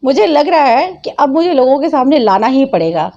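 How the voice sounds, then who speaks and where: A high-pitched woman hosts her channel and scolds, tuts and mocks the people she reacts to, breaking into laughter often. Her voice is mellow and dark in tone despite its height, and the recording sounds dull and lo-fi. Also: big pitch swings, moderate pace. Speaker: channel host. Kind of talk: mocking reaction commentary.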